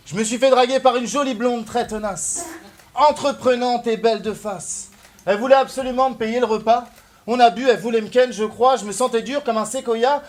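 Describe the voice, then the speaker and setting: A French man delivering mocking, loud rap battle verses aimed at his opponent. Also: very high voice, fairly quick. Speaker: battle rapper.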